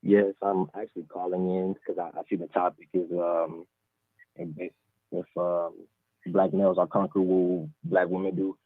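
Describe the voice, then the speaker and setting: A man in his twenties from Michigan speaks as a caller to a live show, his voice heard over a phone line. His voice sits fairly low, and he talks in a hesitant, halting way full of fillers. The line sounds thin, tinny and dry. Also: level tone, dry recording. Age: 20s. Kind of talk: casual call-in chat.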